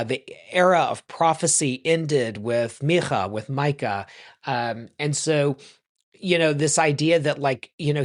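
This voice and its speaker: Rabbi, casual teaching talk, rambling, self-correcting, joke-telling. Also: medium pitch. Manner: loose and chatty, many ums and self-corrections; tells jokes and explains them.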